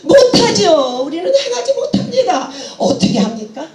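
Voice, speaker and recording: A woman's voice: very high voice, very animated, normal speed, darkish tone, echoey room, a little hiss or hum. A woman preaching a sermon with passion, laughing and exclaiming as she goes, mixing English phrases into her talk.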